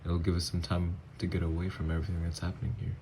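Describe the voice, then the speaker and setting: With background noise behind him, a man plays a gentle, haunted vampire lover who has just been turned, in an ASMR audio drama. His low-pitched delivery is completely flat and comes in hushed, hesitant, halting phrases, with a tender, apologetic mood.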